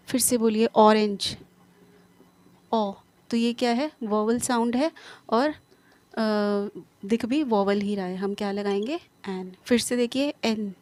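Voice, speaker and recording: A woman with a slightly high voice teaches an English grammar lesson. She poses quick questions and answers them herself. She reads each example sentence slowly and carefully. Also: a little mellow.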